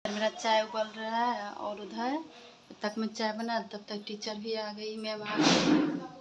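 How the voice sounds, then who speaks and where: A woman's voice: medium pitch, monotone, takes it slowly, very noisy. A woman, chatting casually in a home vlog, speaking into a phone held at arm's length. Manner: chatty, talks to her children between remarks. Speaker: vlogger. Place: home kitchen and bedrooms, indoors.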